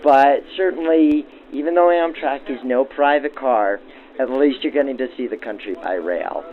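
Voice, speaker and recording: A show host conducts on-location interviews and narrates the links between them, speaking politely, articulately and formally. His mid-range voice moves at a normal speed. The audio passes through a vintage 1940s radio filter, giving a tinny, narrow-band old-radio sound.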